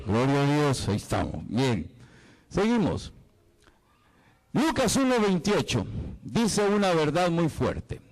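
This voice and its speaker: Man with a very lively pitch. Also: rough recording. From El Salvador. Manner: dramatic, playful, asks the listener questions. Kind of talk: lively apologetics talk.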